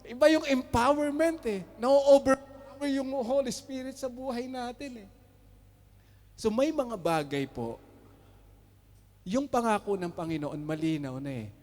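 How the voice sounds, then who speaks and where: Pastor guy preaching, high voice, church hall echo, jumps between tagalog and english. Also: a little slow, pauses often. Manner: animated, mixing Tagalog and English, chuckling asides. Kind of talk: preaching a sermon.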